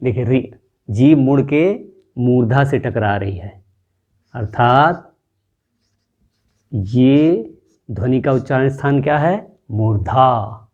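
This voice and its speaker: Slow, deliberate male pronunciation teacher. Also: medium pitch, darkish tone. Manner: drawn-out, repeated sound demonstrations. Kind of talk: slow spoken lesson with demonstrations. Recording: dull lo-fi audio.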